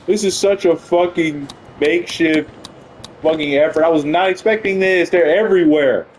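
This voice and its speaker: A man giving excitable, profane live commentary while playing a video game. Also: a little high, normal speed, a little hiss or hum, poor audio. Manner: excitable, profane, swings between panic and triumph. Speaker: gaming channel host. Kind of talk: live let's-play commentary.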